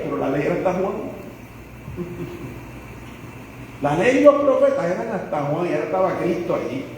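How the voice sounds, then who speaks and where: A man's voice: high voice, darkish tone, slight background noise. A man preaching a sermon as pastor, telling the stories dramatically and acting out the people in them. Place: church sanctuary. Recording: echoey church hall, voice from far off.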